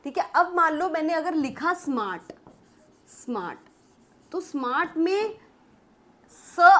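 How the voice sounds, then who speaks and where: A young woman teaching English literature in a patient classroom-style lecture, slowly reading English definitions and explaining them. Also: high-pitched. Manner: explains patiently, calls students "beta", slow English read-outs.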